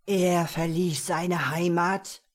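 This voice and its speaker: Woman doing a fire demon overlord, deep and booming, loud, commanding, slow, wrathful, storybook. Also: steady tone. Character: thundering male fire demon lord, wrathful.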